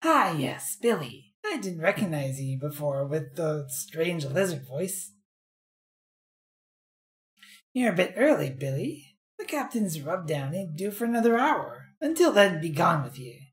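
A woman's voice: on the low side, very animated, normal speed. A woman voicing a blustering, commanding pirate from a video game who guards the captain's cabin. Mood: dismissive. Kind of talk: reading video game dialogue in character.

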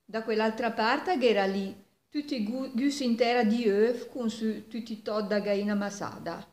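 A woman's voice: a little high, moderate pace, darkish tone. Older Milanese woman in an echoey room. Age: 70s. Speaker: storyteller. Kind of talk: oral folk tale told in Milanese dialect. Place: living room at home, indoors. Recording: echoey room, distant microphone.

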